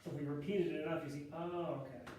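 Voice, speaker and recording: The speaker, a male math lecturer, has a loud voice pitched slightly high and a laid-back, conversational manner. He thinks as he talks, backtracks mid-sentence, and says um during pauses. He sounds far away in a very echoey room with faint noise.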